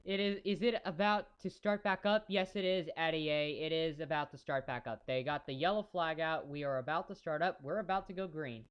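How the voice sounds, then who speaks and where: A man's voice: fairly high pitch, a little fast, few pauses, clear, resonant tone, lo-fi sound. A man giving casual live-stream commentary on a race, chatty and rambling, talking to his chat viewers.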